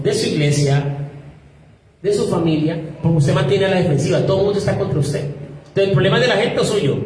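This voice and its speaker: A man's voice: high-pitched, a little mellow. A man preaching a sermon as pastor, putting fill-in-the-blank questions to the congregation and exhorting them directly. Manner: direct and exhorting, addresses listeners as "usted". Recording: very echoey hall, mic far off, faint noise.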